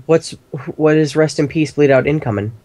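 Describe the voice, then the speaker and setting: A man co-hosting a game stream as commentator, goofy and jokey with deadpan asides. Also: fairly high pitch, normal speed, no echo. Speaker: co-host commentator. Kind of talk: casual let's-play chat.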